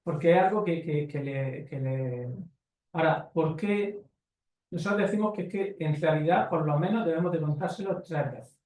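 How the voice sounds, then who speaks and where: A man with a slightly high, a little mellow voice addresses a conference panel audience while answering questions. Blunt and emphatic, he lectures with rhetorical questions, and the recording sounds echoey and distant within the hall.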